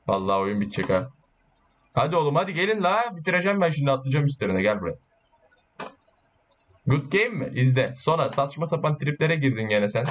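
A man giving casual, excitable gameplay commentary, boasting and swearing while urging his teammates on. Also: mid-range voice, fairly quick, pauses often, a little hiss or hum. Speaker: gaming YouTuber.

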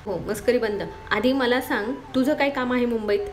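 A woman's voice: on the high side, steady tone, normal speed, a little hiss or hum, lightly acted. A woman voicing a boastful teasing young man. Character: playful young man teasing his sister.

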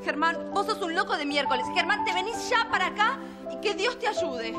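An actress voicing a radio operator with an Argentine accent, heard over a two-way radio, urgent and scolding. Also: female voice, extremely high pitch, animated, brisk, over loud music. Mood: alarmed scolding. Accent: Argentine Spanish. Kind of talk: telenovela acting.

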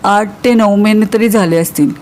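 A woman voicing a calm, evasive young married man who answers in a cool, matter-of-fact way. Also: medium pitch, moderate pace, lightly acted.

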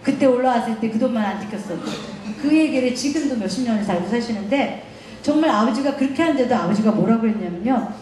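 A woman's voice: a little high, quick pace, a little hiss or hum. A middle-aged woman giving a guest lecture, telling family stories with lots of laughter. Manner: animated storytelling, laughing often. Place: lecture hall. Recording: echoey lecture room.

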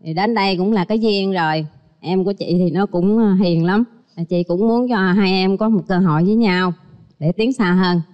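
A woman, a contestant's older sister, giving a short, polite, halting speech. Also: mid-range voice, clean tone, in a large hall, dull audio.

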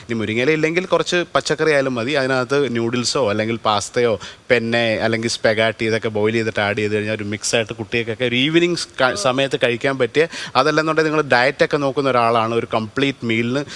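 A man's voice: medium pitch, fast, fairly bright tone, clear, resonant tone. A man demonstrating a recipe as a TV cooking show chef, explaining each step plainly, offering easy variations and mixing English cooking terms into his speech.

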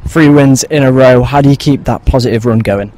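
A man interviewing a football manager pitchside for a club channel, asking short, direct questions. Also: a little fast, warm tone, low-quality recording. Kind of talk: post-match interview questions. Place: outdoors beside a football pitch.

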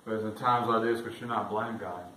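A man's voice: fairly even intonation, moderate pace, far from the mic. Man preaching in an echoey church. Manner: swells louder and higher when reading scripture aloud. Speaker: pastor. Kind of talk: sermon. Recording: roomy echo, voice off-mic, faint room noise.

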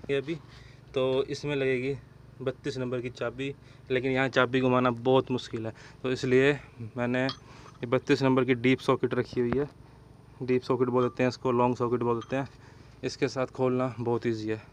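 A man's voice: medium pitch, level tone, normal speed, slight background noise. A man, an excavator mechanic, explains a hydraulic repair step by step at an outdoor worksite and calls short commands to a helper. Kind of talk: hands-on repair demonstration.

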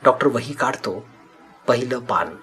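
A man narrating a story in a calm, measured way. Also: mid-range voice, slight background noise.

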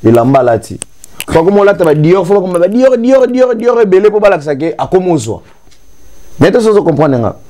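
A man's voice: high-pitched, big pitch swings, fast talker, warm tone. A young man from Congo giving a gesturing critique on a TV studio talk show, switching between Lingala and French. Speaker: commentator. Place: TV studio with grey sofa.

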